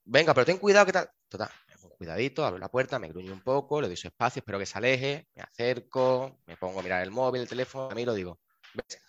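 Man, shelter worker, quick casual storytelling, acts out dialogue, dry and slightly lo-fi. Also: mid-range voice. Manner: animated, acts out dialogue in his anecdotes.

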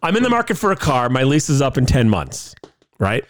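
A man's voice: mid-range voice, fairly quick, no room sound. A man hosting a casual podcast, talking into a studio mic with an exasperated, laughing manner. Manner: exasperated, laughing often, animated. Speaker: podcast host. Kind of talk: casual banter.

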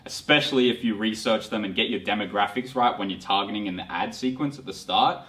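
A man's voice: lowish voice, quick pace, fairly bright tone, far from the mic. A man co-hosting a marketing podcast, talking in a rambling, enthusiastic way with frequent restarts. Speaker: podcast co-host.

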